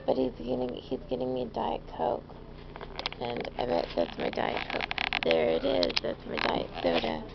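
A woman's voice: on the high side, wildly swooping pitch, measured pace. A young woman, groggy and loopy as she comes round from anesthesia, rambling casually to a handheld camera from a hospital bed. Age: young adult. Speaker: patient vlogging. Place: small hospital room, lying in bed. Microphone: handheld camera at arm's length. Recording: dull handheld camera audio, clearly noisy.

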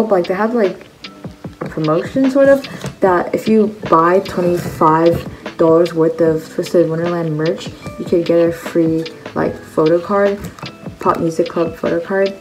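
In a low-quality recording, a teenage girl from China chats casually at home about her merch haul, her voice fairly low, a little mellow, and measured in pace. She's a vlogger sitting at a table in her bedroom, filmed close-up on a phone camera, full of "like"s and fillers while background music plays.

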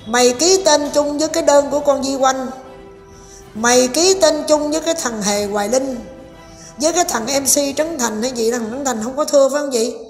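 A woman's voice: high voice, a little fast, darkish tone. Sarcastic, scolding woman. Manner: sarcastic, scolding, addresses viewers directly. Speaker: online commentator. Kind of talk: scolding commentary vlog. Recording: echoey room with long reverb and faint music.

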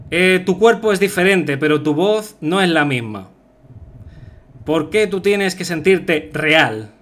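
A man's voice: on the high side, a bit bright. A man streaming a game live, translating its text on the fly in a loose, rambling way full of fillers. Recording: music playing behind.

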